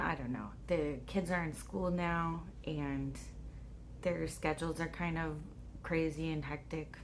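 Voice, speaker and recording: A woman with a cold and a deep, husky voice, chatting excitedly at home in a casual video. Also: slight background noise. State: hoarse from a cold. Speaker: tarot vlogger. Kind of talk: casual chat. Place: home, sitting by a window.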